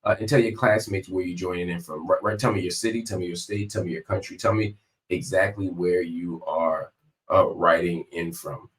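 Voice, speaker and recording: A man's voice: low-pitched, steady tone, normal speed. A man hosting live political commentary from a hospital room, talking straight to his viewers in an emphatic, conversational way with repetition for effect.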